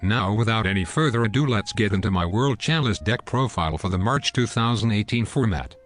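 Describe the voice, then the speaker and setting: A man's voice: on the low side, expressive, fairly quick, soft background music. A male text-to-speech robot voice steadily reading out a scripted explanation of a card game deck.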